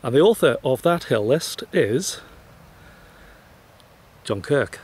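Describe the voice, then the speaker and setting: A man's voice: medium pitch, expressive, slow pace, darkish tone, breathy edge. A man interviewing a guest in a polite, hesitant way, with many fillers. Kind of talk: conversational interview.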